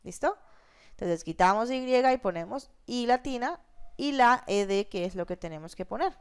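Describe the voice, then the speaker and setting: A woman's voice: a little high, lively intonation, moderate pace, clean tone. A woman teaching an English grammar lesson, explaining rules step by step and often checking in with her students. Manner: explains step by step, frequent check-ins like "¿listo?" and "¿sí?".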